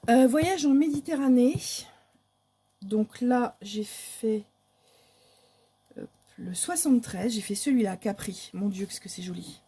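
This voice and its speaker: Chatty woman with a mellow voice. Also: a little high, measured pace, pauses often, slightly rough. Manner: chatty, hesitant, many fillers and restarts. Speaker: crafting vlogger. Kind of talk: casual show-and-tell of coloring books.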